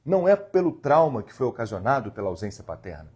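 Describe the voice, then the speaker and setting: A man in his forties speaks as a therapist on a live stream, coaching his viewers in an earnest, direct way. His voice sits at an ordinary mid pitch with a husky, slightly rough edge. He talks straight to the audience from his home. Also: very animated, fast, a little mellow. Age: 40s. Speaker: emotional healing therapist.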